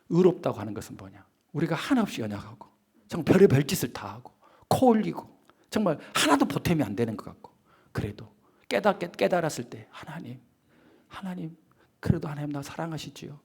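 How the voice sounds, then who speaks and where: A man preaching a sermon as pastor, who swings from loud emphatic peaks to hushed whispered asides, asks the congregation rhetorical questions and acts out quoted voices. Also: fairly high pitch, gravelly, slightly rough.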